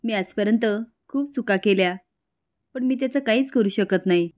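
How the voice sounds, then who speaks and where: A woman's voice: mid-range voice, moderate pace, darkish tone, natural voice. A woman reading the lines of a remorseful young husband and father, in an earnest, pleading tone.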